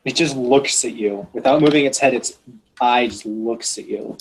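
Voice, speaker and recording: A man's voice: medium pitch, moderate pace, slight background noise, poor audio. A young man running a tabletop game as game master, matter-of-fact as he explains rulings and narrates.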